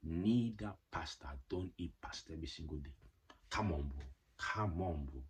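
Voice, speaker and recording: With a deep, slightly rough voice at a normal speed, a young man of Ghanaian parentage recounts a personal story for his channel. The vlogger rambles casually, packing in "like" and "you know" fillers along with playful, slangy asides.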